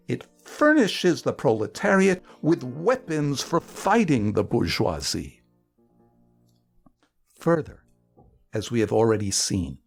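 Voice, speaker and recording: With a medium-pitched voice, a man reads a historical political text dramatically, delivering it emphatically and oratorically in deliberate phrases.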